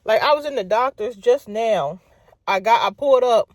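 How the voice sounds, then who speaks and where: A woman telling a casual storytime and venting in an animated, exclaiming way. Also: a little high, normal speed, no room sound.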